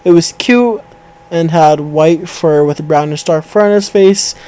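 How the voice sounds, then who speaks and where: A co-host with a fairly high, warm, smooth voice reads online stories aloud casually and a little slowly, stumbling over words, correcting himself and laughing. He's on a home mic over an online call, so the audio is poor.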